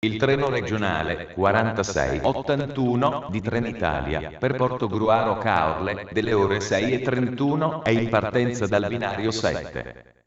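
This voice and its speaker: Man, flat formal station announcement, segmented phrasing, distant, muffled public address sound. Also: fairly low pitch, a little slow. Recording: echoey dull station loudspeaker from afar.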